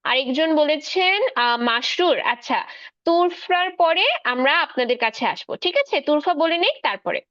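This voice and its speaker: A woman teaching a spoken English class to children over a video call, patient and coaxing, mixing Bengali with slow, careful English. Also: sits high, lively intonation, a bit bright, dry recording, muffled recording.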